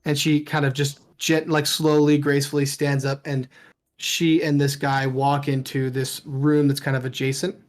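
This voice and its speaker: A man's voice: mid-range voice, little pitch movement, normal speed. Casual man running a tabletop game. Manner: casual, rambling, with many fillers. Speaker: game master.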